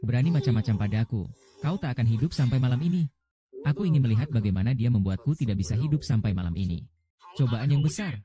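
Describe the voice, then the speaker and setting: Very dark-voiced man dubbing drama. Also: mid-range voice, expressive, fast talker. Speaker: voice-over dubber reading every part of a short drama. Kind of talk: dubbed drama dialogue.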